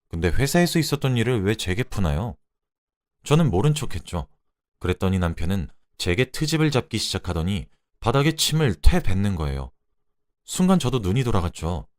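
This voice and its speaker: A man narrates a radio drama in a lowish voice. His delivery is expressive and animated, with his pitch rising and falling as he tells the story. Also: no echo.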